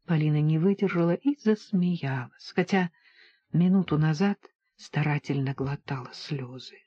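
Woman narrating an audiobook, mellow tone. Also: sits low, normal speed, slightly rough, no room sound, highs cut off.

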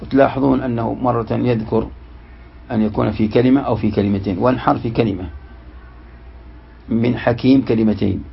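Male scholar, gravelly rasp, steady lecturing, reads then explains, muffled lo-fi recording. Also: mid-range voice, fairly quick, long pauses. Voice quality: gravelly, husky. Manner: reads text then explains, lists recited examples. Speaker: Islamic scholar teaching. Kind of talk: classroom lecture explaining a text.

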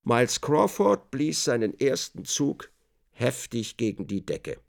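Gravelly male narrator, measured literary delivery, lively intonation. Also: mid-range voice. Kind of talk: literary narration in a radio drama.

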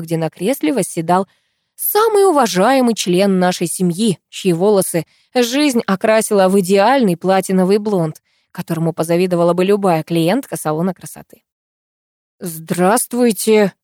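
A young woman narrating a first-person audiobook in a lively, playful way that turns bright and exclaiming in her heroine's lines. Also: mid-range voice, no echo, clean studio sound.

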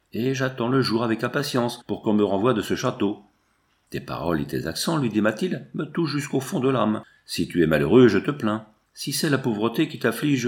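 A man narrating a classic novel as an audiobook, reading the dialogue of every character in a measured voice. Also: fairly low pitch.

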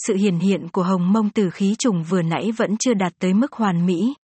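A woman voicing a learned academy elder who explains calmly in a fantasy audiobook. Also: medium pitch, brisk, breathy edge, no echo, close to an everyday voice. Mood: explaining.

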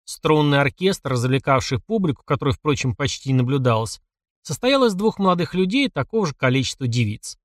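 A man reading a story aloud in expressive scripted narration. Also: a little high, fairly quick, no room sound, clean studio sound. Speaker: audiobook narrator.

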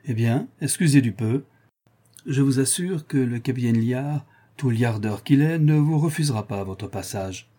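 Guy doing a salty blunt sailor, old-time, huskier darker voice pitched up. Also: expressive, a little slow, warm tone, breathy edge. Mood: hearty. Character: frank superstitious old-time male sailor.

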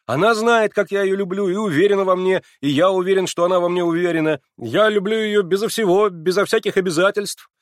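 A man reading a novel aloud and voicing an excitable young man who pleads and defends himself in a raised, plaintive voice. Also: on the high side, a little fast, no echo, studio quality, voice pushed up. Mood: pleading, agitated. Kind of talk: audiobook character reading.

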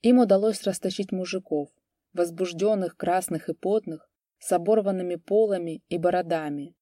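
A woman narrating an audiobook story with measured, dramatic pacing. Her voice sits on the low side with a dark, mellow tone, recorded close and dry. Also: dry recording.

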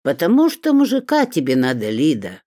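A reader voicing a gruff, teasing older male boss who gives orders in jest, with lively pitch in a dry recording. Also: moderate pace, no echo. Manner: bossy, teasing, commanding.

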